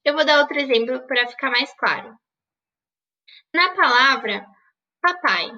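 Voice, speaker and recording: A woman's voice: high-pitched, expressive, a little slow, sharp tone, distant mic, muffled recording. A woman teacher giving an online grammar lesson, asking questions and answering them herself. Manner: didactic, asks and answers her own questions.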